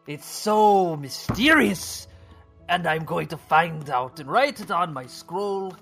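A man playing a tabletop game in character, excitable and wide-eyed. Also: on the high side, measured pace, vocal fry, slightly rough, soft background music. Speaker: player. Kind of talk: tabletop role-play in character.

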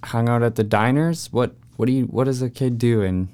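A man hosting a podcast interview, asking quick follow-up questions in a playful, joking way. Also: mid-range voice, darkish tone, clear, resonant tone. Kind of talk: casual conversational interview.

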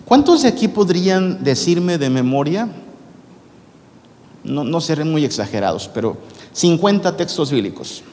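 A man's voice: fairly high pitch, big pitch swings, unhurried, a little mellow. A man preaching a sermon to a congregation in a conversational way, asking them questions as he talks. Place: large church hall. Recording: long reverb from a large hall.

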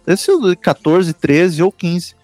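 A man's voice: a little high, fairly even intonation, takes it slowly, a little mellow, no echo, soft background music. A man, telling stories and joking in a casual group chat. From southern Brazil. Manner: joking, storytelling. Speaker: podcast participant.

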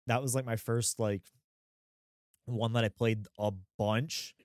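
A man's voice: mid-range voice, steady tone, takes it slowly, dry recording. Guy in his 30s rambling about games on a podcast, lots of ums, dry close mic. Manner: rambling, lots of fillers and laughs. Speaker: podcast co-host. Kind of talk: casual chat.

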